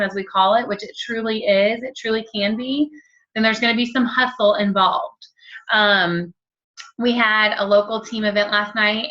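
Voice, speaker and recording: A woman in her thirties talking fast and casually at home about motivation, with lots of ums and you-knows. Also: fairly high pitch, bright, forceful tone. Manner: quick, chatty, many ums and you-knows. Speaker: network marketing team leader. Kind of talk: casual motivational talk to camera. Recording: dull lo-fi home recording.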